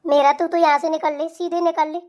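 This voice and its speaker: Cartoon role: a woman as a screechy, nagging old mother-in-law with a sharp tongue. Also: high-pitched, flat delivery, fairly quick, natural voice. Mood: threatening. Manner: nagging, insulting, tag questions. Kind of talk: cartoon voice acting.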